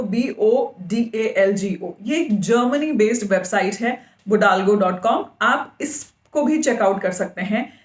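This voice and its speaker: A woman with a slightly high voice hosts a podcast and gives advice in a casual way. She explains each point step by step and spells names out letter by letter. Her voice rings in an echoey room. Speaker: podcast host.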